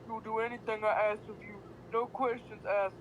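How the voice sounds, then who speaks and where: A friend reading out a cold, bossy young man from a story, giving slow, calm commands. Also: medium pitch, a little hiss or hum, close to an everyday voice. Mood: calm commanding.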